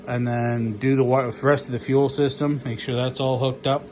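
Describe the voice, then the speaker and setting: A man's voice: mid-range voice, level tone, normal speed, darkish tone, a little hiss or hum. A man vlogging about his engine work, rambling and joking as he goes, swearing casually. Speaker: mechanic vlogger. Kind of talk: casual workshop vlog.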